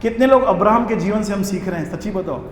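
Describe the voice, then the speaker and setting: Animated high-voiced preacher in echoey hall. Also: male voice, fast talker, a little hiss or hum. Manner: animated, call-and-response with congregation. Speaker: pastor. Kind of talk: sermon. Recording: echoey hall with long reverb.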